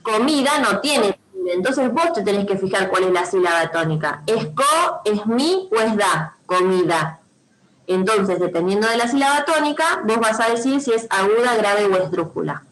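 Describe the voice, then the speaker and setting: A woman's voice: medium pitch, animated, moderate pace, few pauses, poor audio. A woman teacher with a Rioplatense Spanish accent giving patient step-by-step instructions to pupils on a video call, checking often that they follow. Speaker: primary school teacher. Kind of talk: online class instruction.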